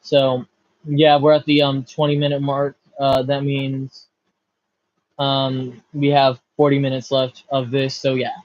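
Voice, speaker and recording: A man's voice: medium pitch, completely flat delivery, unhurried, no echo. A young man hosting a casual livestream, talking loosely with lots of fillers. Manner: loose, filler-heavy, keeps track of time. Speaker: livestream host. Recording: dull lo-fi stream audio.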